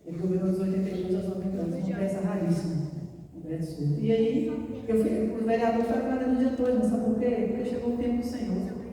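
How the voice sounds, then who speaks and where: A woman's voice: mid-range voice, steady tone, fast, dark tone. A woman giving a testimony sermon in a church, telling her story earnestly and often addressing the congregation as brothers. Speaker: guest preacher. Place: church hall. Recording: echoey church hall, voice from far off.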